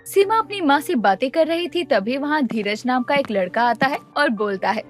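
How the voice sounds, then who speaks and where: A woman's voice: high-pitched, animated, moderate pace, soft background music. A woman narrating a cartoon story in a scripted storytelling style.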